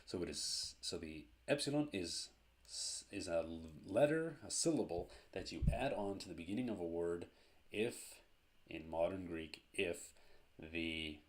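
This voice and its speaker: A man teaching a language lesson, explaining grammar step by step in a slow, methodical way. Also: deep voice.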